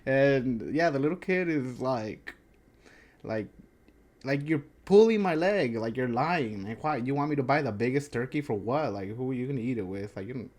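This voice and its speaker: A man's voice: mid-range voice, lively intonation, moderate pace, darkish tone. A man hosting a reaction video, talking casually and peppering his speech with "like". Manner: chatty, many "like" fillers. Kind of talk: casual chat.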